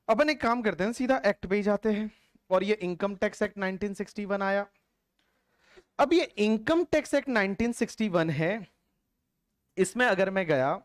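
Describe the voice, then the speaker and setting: A man's voice: high voice, no room sound, clean studio sound. A man teaching tax law in a classroom lecture, colloquial and explanatory, who quizzes the class and repeats the answers aloud.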